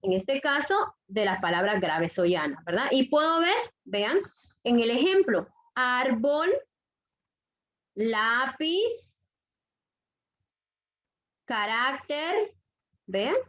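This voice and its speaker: A woman's voice: mid-range voice, very animated, a bit bright. A woman teaching a grammar lesson to young students, repeating each rule and checking that the class follows. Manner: slow, deliberate, repeats rules, checks understanding with questions. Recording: dull lo-fi audio.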